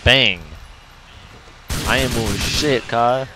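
A young man chats loosely over his gameplay. He swears a lot and drifts from thought to thought in street slang. His voice sits a bit low, with faint background noise. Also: a little slow. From New York. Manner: slangy, profane, rambling. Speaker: let's play gamer. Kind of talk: casual gameplay commentary. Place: at home.

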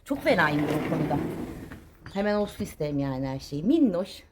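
A Turkish woman in her thirties talking casually while she works in her home garden, sharp-tongued and indignant, then chatty. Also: deep voice, a little fast, noisy background. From Turkey. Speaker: vlogger.

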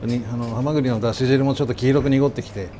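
Fast-talking Japanese restaurant chef, a man. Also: medium pitch, fairly even intonation, warm tone. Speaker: sushi chef and restaurant owner. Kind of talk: casual polite talk with customers and staff at work. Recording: clear kitchen and restaurant background noise.

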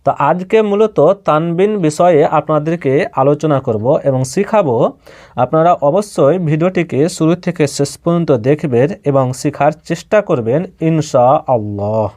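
A man teaching Quran letter reading in a slow step-by-step lesson, patiently repeating each syllable for learners to follow. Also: fairly high pitch, a little mellow. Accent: Bangladeshi Bengali.

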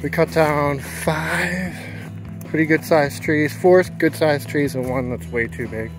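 A man's voice: a little high, slow, rough recording. A middle-aged man talking casually while filming himself outdoors, explaining his work as he goes. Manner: plainspoken, thinks aloud while explaining work. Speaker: off-grid homesteader and sailor. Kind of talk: casual outdoor vlog narration. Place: outdoors in woods and at a marina. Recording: music playing under the voice.

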